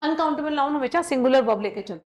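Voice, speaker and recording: A woman teaching an exam-prep grammar lesson, explaining step by step and often checking in with her students while she reads example sentences slowly. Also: high voice, lively intonation, a little mellow, roomy sound.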